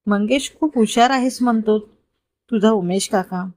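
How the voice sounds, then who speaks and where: A woman's voice: a little high, moderate pace, no echo, studio quality, lightly acted. Woman reading as a kind, confident older brother figure. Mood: kind, coaxing. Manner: patient, gently persuasive explaining. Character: kind, confident grown man mentoring a boy. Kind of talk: storytelling read-aloud.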